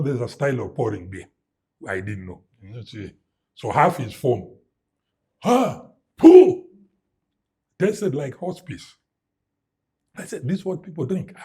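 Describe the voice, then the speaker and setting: With a mid-range, breathy-edged voice, a middle-aged man speaking Kenyan-accented English narrates a story during an interview. He animates it with mimicked sounds and scattered Swahili words.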